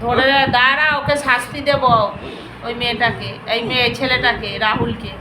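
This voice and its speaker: A woman speaks in a high voice, firmly repeating short commands and pressing for answers. She sounds urgent and insistent. Clear background noise sits under her voice. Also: fairly even intonation, moderate pace. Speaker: ritual healer. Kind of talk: commanding ritual interrogation.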